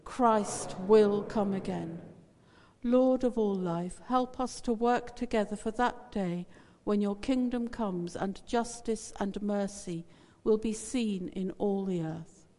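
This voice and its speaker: A woman priest leads communion in a measured, solemn intoning voice, heard in a long cathedral echo. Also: medium pitch, mellow. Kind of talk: reciting a liturgical prayer. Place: large church. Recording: cavernous church reverb, distant.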